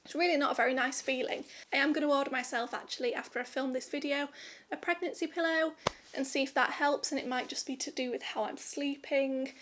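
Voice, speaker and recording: Woman, young, high voice, chatty vlog to camera, candid and rambling. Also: fairly even intonation, brisk, a bit bright, a little hiss or hum. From United Kingdom. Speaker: vlogger. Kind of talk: casual chat to camera.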